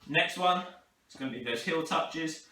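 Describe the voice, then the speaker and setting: A man's voice: fairly high pitch, unhurried. A man coaching a workout to camera as an instructor, encouraging people and talking them through it. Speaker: fitness instructor. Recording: roomy, distant mic, faint noise.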